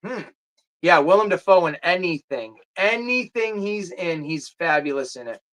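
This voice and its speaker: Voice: medium pitch, animated, moderate pace, fairly bright tone. A livestream host in casual chat, rambling, searching aloud for titles and answering viewer comments. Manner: chatty, drifts off topic.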